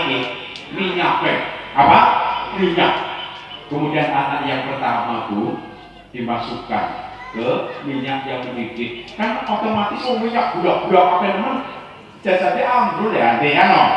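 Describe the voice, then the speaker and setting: A man with a Tegal Javanese accent giving a comic sermon, telling a story with lively delivery and quizzing his audience. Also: high voice. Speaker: preacher. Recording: echoey hall from far off.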